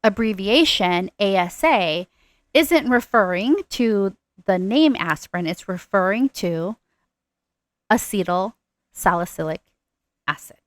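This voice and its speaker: A woman giving a recorded nursing pharmacology lecture. She talks deliberately and stresses the key terms as she explains them. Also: mid-range voice, animated, no room sound.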